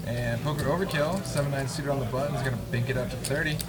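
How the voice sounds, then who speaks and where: A man's voice: medium pitch, fast talker. A man giving casual live poker commentary as a stream host, chatty and full of slang. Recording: noisy room with loud background ambience.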